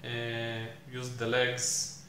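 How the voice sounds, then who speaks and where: A young man teaching programming while he codes, thinking aloud with many fillers and pauses, recorded in a small room. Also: medium pitch, completely flat delivery, sharp tone. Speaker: programming tutor. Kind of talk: live coding explanation. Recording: echoey room, faint hiss.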